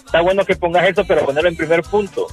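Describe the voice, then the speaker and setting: A man's voice: a little high, racing, over music. A man joining a show's casual chat, ribbing the others in a mock-affectionate way. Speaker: radio show co-host.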